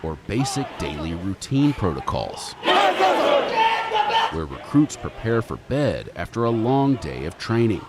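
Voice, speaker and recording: A man's voice: low-pitched, sing-song, a little slow. A man reading scripted documentary narration as the narrator, with noise behind him. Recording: loud crowd and noise behind.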